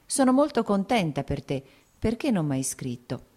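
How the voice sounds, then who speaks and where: A woman reading aloud, voicing a kind but reserved married woman who speaks in a measured, slightly cool way. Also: mid-range voice, big pitch swings, dark tone, pitched above the performer's own voice. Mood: gentle.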